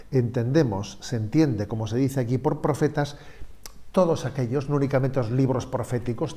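A man's voice: mid-range voice, warm tone. A man, a bishop explaining the catechism in a teaching talk, often adding "eh" and "¿no?" asides. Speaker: bishop giving catechism talks.

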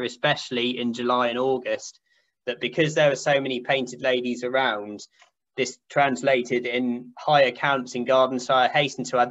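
A man's voice: mid-range voice, a bit bright, lo-fi sound. Man presenting survey data on a call. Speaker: survey team speaker. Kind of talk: conference presentation over video call. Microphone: video call webcam.

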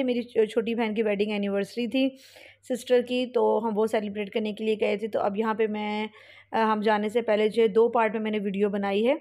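A young woman talks her viewers through a family outing in a relaxed voice-over. Her delivery rambles along with fillers and small restarts, and her pitch stays mostly level throughout. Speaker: vlogger.

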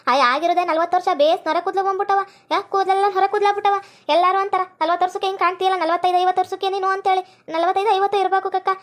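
A woman's voice: extremely high pitch, steady tone, rapid-fire. A woman in her forties with a North Karnataka Kannada accent, playing a distraught village nurse-mother who scolds her son in a skit. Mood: furious. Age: 40s. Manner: wailing, scolding, repeated rhetorical questions.

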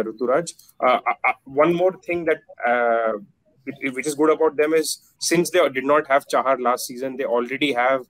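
A man's voice: mid-range voice, fairly bright tone, no echo, low-quality recording. Hesitant man on a video call. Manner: hesitant, many fillers and restarts. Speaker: cricket analyst. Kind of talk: casual panel discussion. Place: plain indoor room. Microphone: video call webcam.

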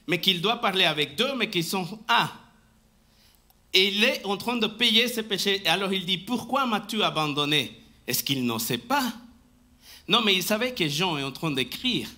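Man preaching in church, high voice swinging all over, slow and emphatic, keeps restarting phrases. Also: pushed and bright. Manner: talks to the congregation and asks for the next slide. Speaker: pastor. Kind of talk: live church sermon. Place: church sanctuary, indoors.

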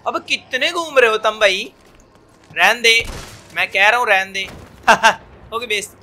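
A young man giving casual, jokey let's-play commentary, excitable and talking back at the game. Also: high-pitched, slow pace, a little hiss or hum. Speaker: gaming commentator.

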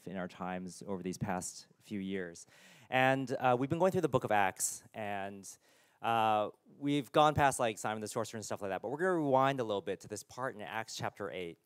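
A man, the church's pastor, preaching a sermon in a casual, halting way with many fillers and restarts. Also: mid-range voice, no echo, clean studio sound.

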